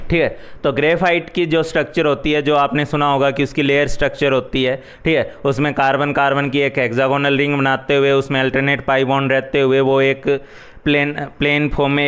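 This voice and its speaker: Male chemistry teacher with a Hindi accent, clear and resonant voice, patient step-by-step revision delivery. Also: fairly high pitch, fairly bright tone. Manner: explains step by step, repeats "ठीक है" often. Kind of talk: exam revision lecture.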